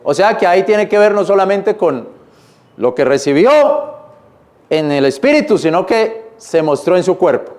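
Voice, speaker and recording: A man preaching a sermon in church, reading scripture slowly and explaining it in plain, repetitive words. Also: sits high, sing-song, darkish tone. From Colombia. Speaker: pastor.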